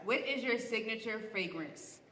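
A woman hosting an interview show, firing off quick questions, playful and quick to laugh. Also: a little high, lively intonation, bright, forceful tone. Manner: playful, laughs often, hypes the audience. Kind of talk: rapid-fire question interview. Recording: echoey room with background noise.

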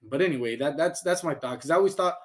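A man's voice: a little high, lively intonation, fast. A man in casual group banter, talking like a frat bro with lots of slang and swearing. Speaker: fantasy league member. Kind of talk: casual group chat about a fantasy league.

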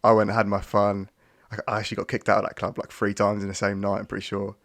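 A man's voice: fairly low pitch, monotone, quick pace, a bit bright, dry recording. A young man, co-hosting a podcast and telling stories in a laid-back, slangy way. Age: young adult. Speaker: podcast co-host. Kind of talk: casual chat.

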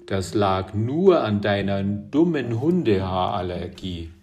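Ein Mann spricht ein selbstsicheres, belehrendes Mädchen. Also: male voice, lowish voice, sing-song, slow, darkish tone, soft background music, full character voice. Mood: dismissive. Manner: corrects others, brushes off worries. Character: bossy, confident young girl.

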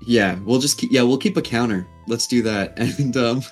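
A man's voice: mid-range voice, moderate pace, breathy edge, faint music behind. A man hosting a podcast in a casual, conversational style. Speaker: podcast host. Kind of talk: casual chat.

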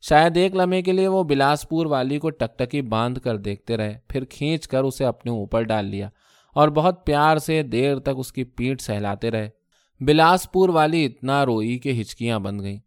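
Smooth-voiced male storyteller. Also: mid-range voice, no room sound, studio quality. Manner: steady, measured storytelling. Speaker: narrator. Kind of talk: scripted story narration.

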